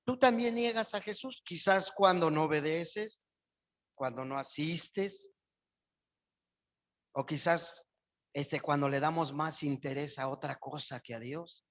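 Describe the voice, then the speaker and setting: A man's voice: a little high, slow, pauses often, fairly bright tone. A male pastor preaching a sermon in church, his voice surging up with emphasis on key phrases.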